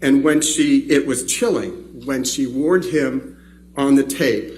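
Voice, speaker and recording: A man's voice: mid-range voice, slow pace, a little mellow, rough recording. A man arguing as a trial attorney, heard in a courtroom recording, emphatic and indignant, often doubling words as he presses a point. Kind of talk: formal courtroom argument.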